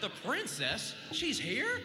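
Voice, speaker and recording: A man's voice: very high-pitched, huge pitch swings, takes it slowly, exaggerated voice. A man playing an eager, anxious young farm-boy hero in a radio drama parody. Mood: surprised. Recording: long hall reverb, clear music behind.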